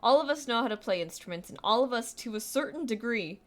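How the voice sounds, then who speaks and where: Talking fast and animatedly in a voice on the high side, a young, girlish-sounding woman chats casually during a live stream. Her talk is rambling and self-deprecating, packed with fillers and restarts.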